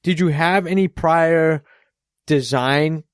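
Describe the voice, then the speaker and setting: A man's voice: on the high side, takes it slowly, clear, resonant tone, no echo, clean studio sound. A man with a Boston accent hosting a podcast, rambling in casual chat and swearing freely. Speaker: podcast host.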